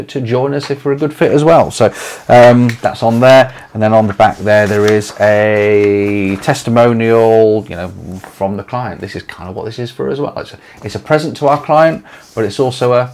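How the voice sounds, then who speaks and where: A man's voice: medium pitch, darkish tone. A man in his forties with an East Midlands English accent, chatting casually to camera from a small home office, rambling with lots of fillers and restarts. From England. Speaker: letting agency owner.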